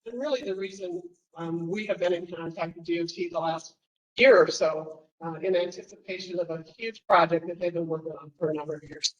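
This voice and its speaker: A woman's voice: lowish voice, a little fast, lo-fi sound. A woman giving formal, courteous remarks as an advocate presenting to a commission. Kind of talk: prepared remarks at a public meeting. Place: indoor public meeting room. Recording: distant meeting-room microphone.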